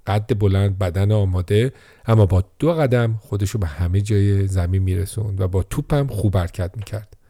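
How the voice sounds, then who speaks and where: A man reading an audiobook story in a steady storytelling manner. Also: on the low side, dry recording, studio quality. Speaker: narrator. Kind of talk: audiobook narration.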